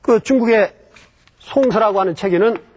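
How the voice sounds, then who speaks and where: A man's voice: high-pitched, moderate pace, darkish tone, a little hiss or hum. A man giving a history lecture about Japan, explaining step by step and posing rhetorical questions that he then answers himself.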